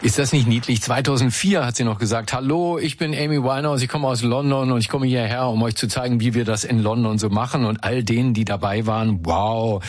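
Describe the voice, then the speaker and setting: A man's voice: medium pitch, brisk, few pauses, no echo, studio quality. A man hosting a radio show, chatting casually and playfully with a reporter. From Argentina. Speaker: radio host.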